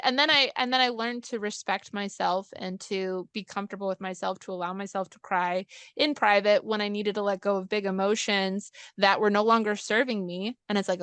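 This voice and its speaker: A woman hosting a podcast, talking in a heartfelt, expressive way about personal growth. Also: medium pitch, clear, resonant tone, dry recording. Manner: heartfelt, expressive, animated in retold quotes. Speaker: podcast host. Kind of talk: casual podcast chat.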